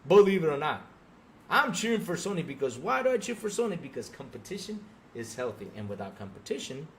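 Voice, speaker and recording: A middle-aged man hosts a podcast and rants about gaming to a live chat, emphatic and sarcastic, mockingly imitating fans. His voice is medium-pitched, with slight background noise.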